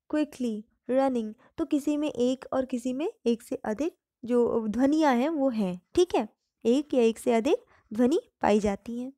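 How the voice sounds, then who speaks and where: High-voiced woman teaching grammar patiently. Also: mellow, dry recording, clean studio sound. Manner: patient, repeats and explains each term with examples. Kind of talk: explaining grammar lesson in Hindi.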